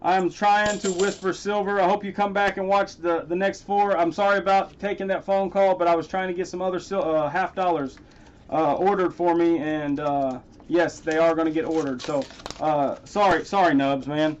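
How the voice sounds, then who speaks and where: A chatty man hosts a casual coin-hunting livestream and talks to his viewers by name, getting loud and thrilled whenever something good turns up. His voice sits a little high for a man. The audio is dull and lo-fi. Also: moderate pace, a little hiss or hum. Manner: chatty, gets loudly excited over finds.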